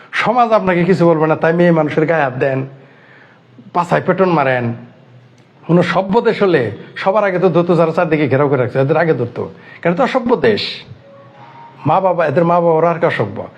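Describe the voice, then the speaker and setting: Man from Bangladesh, heated online commentator, fairly high voice, pounding rhetorical questions, dull lo-fi sound. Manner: indignant, fires rhetorical questions and repeats phrases.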